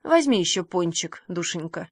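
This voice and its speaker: A woman voicing a kindly, fussy middle-aged village woman in a storybook reading, brisk and motherly, softening on endearments. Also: lowish voice, animated, breathy edge, no room sound, clean studio sound.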